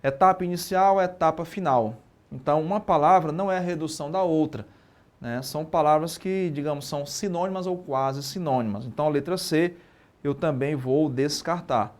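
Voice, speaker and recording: A man with a Brazilian Portuguese accent teaching a live online exam-prep lesson, lively and constantly checking in with tag questions. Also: a little high, moderate pace. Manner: lively, asks and answers own questions, frequent tag questions.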